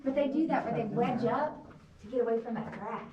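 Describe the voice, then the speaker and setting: A woman's voice: on the high side, fairly quick, far from the mic, dull audio, a loud crowd. A woman working as a cave guide, talking casually and informally to her tour group inside an echoing cave. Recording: echoey cave, off-mic, people around.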